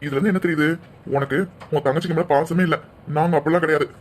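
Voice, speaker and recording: A man's voice: on the high side, steady tone, quick pace, slight background noise. A man voicing a joking, teasing older brother in a cartoon family argument. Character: young man, a bantering brother of the bride. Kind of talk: cartoon dialogue acting.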